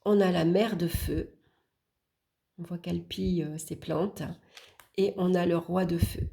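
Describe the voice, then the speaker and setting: Female host, low gravelly tone, very slow casual deck walkthrough, murmured card names. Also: fairly even intonation. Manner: unhurried, murmuring card names while flipping, with small hesitations; warm, admiring remarks about the artwork. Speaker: channel host presenting a tarot deck.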